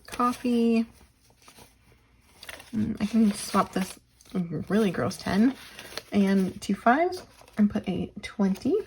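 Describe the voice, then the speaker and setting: A woman hosting a budgeting vlog, counting bills aloud and thinking out loud while losing her voice. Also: mid-range voice, expressive, slow, creaky, pauses often, slight background noise, low-quality recording. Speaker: budgeting channel host. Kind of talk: casual counting-along vlog.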